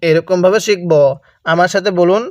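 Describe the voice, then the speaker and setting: A man's voice: high voice, steady tone, normal speed, no echo, studio quality. A man teaching Quran recitation, breaking words into syllables patiently and asking listeners to repeat after him. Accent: Bangladeshi Bengali. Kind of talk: slow step-by-step recitation lesson.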